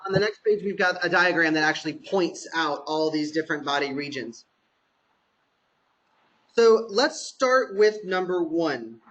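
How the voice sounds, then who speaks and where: High-voiced man over a choppy video call. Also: lively intonation, unhurried, a bit bright, dull audio. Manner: patient, explanatory teaching. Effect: choppy video-call connection. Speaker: massage therapy instructor. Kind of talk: online class lecture.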